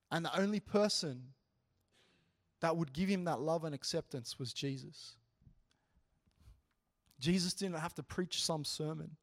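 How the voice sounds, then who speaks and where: A preacher shares his testimony in a casual, story-driven sermon, his voice sitting a little high for a man. He speaks earnestly and with animation, often slipping in "you know."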